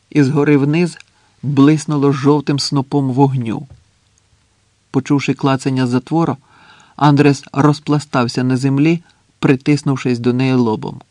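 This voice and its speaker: A man narrating a novel as an audiobook in a measured, even manner. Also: medium pitch, no room sound. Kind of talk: scripted narration.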